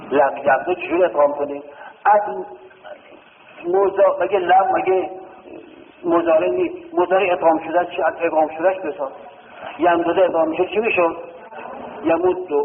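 Male teacher, lively rising and falling delivery, tinny phone-like sound, long hall echo. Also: fairly high pitch, vocal fry, pauses often, slight background noise. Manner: explains step by step, asks and answers his own questions, drills verb forms aloud. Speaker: Arabic grammar teacher. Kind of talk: classroom lesson.

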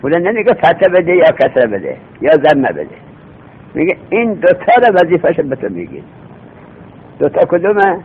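A man teaching a seminary grammar lesson, explaining patiently and repeating himself, asking rhetorical questions. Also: big pitch swings. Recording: tinny phone-like recording with faint rumble.

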